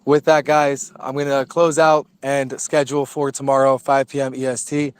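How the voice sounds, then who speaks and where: A man's voice: medium pitch, flat delivery, moderate pace, clear, resonant tone, no room sound. A man hosting a casual community voice chat, upbeat and rallying his listeners. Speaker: crypto community host.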